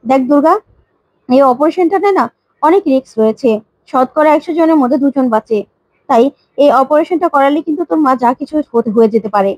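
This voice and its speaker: A woman voicing a calm elder sister who reassures and warns gently, in a retold serial story. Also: high voice, fairly quick, no echo, highs cut off, close to an everyday voice. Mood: cautious.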